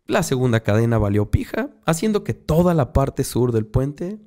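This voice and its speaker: A man's voice: mid-range voice, sing-song, normal speed, dark tone. A man with a Mexican accent telling a story as a podcast host in casual, slangy talk full of swearing.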